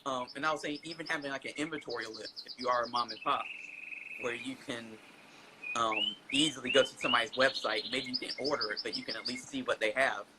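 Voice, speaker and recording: A man's voice: mid-range voice, steady tone, fast talker, very noisy. A man hosting an online interview show, asking questions in a chatty, curious way. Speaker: host.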